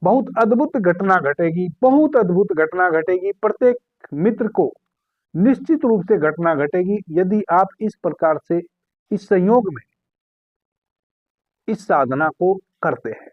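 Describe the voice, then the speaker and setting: A man with a fairly high voice leads a guided meditation in a calm, unhurried way, repeating key phrases. The recording sounds thin and phone-like, dry and close. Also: no room sound. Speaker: spiritual meditation teacher.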